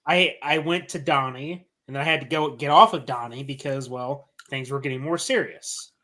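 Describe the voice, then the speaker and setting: A man's voice: medium pitch, sharp tone. A man hosting a podcast, bantering and teasing his co-hosts in casual chat. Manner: jokey, teasing, quick comebacks. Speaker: podcast host.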